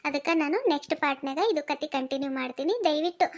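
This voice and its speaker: A woman's voice: sits high, steady tone, fast. A woman with a North Karnataka Kannada accent giving polite, informal closing remarks to viewers as a cartoon channel narrator.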